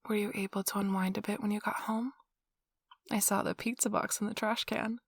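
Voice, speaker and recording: Speaking at a medium pitch with little melodic movement, she keeps a brisk pace while playing the tender, teasing, nerdy young girlfriend of this intimate ASMR role-play in a breathy whisper. The studio-quality recording has no echo, her voice stays close to everyday speech, and the mood is soothing.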